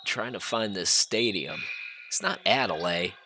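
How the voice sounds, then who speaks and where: A man calling a basketball game play-by-play, chatty and prone to rambling asides between excited calls. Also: on the low side, measured pace, slight background noise. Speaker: play-by-play announcer.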